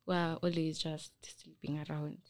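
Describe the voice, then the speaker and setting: A young Kenyan woman speaks in a slightly low voice. She argues her opinions readily in casual conversation, slipping between English and Swahili. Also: flat delivery, normal speed, creaky, noisy background. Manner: opinionated, argumentative. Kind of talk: casual debate, some Swahili mixed in.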